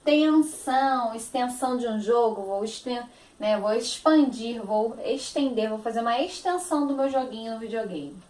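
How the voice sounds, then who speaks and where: A woman's voice: on the high side, normal speed, darkish tone, reverberant. A woman teacher with a Brazilian Portuguese accent, giving a phonics lesson to young children, stretching out words in a sing-song, affectionate manner.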